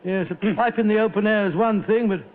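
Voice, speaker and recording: An actor playing a loyal, flustered English doctor and old army man in a vintage radio drama, creaky, stammering and fussy, with an English accent. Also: high-pitched, fast, close to an everyday voice. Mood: grumbling. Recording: muffled old radio recording.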